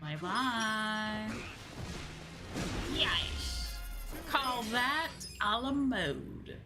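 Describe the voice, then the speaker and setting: Speaking extremely slowly in a slightly high voice with lively intonation, a VTuber streamer offers playful, sweary gameplay commentary. She often reads item names aloud on a close microphone while game music plays in the background.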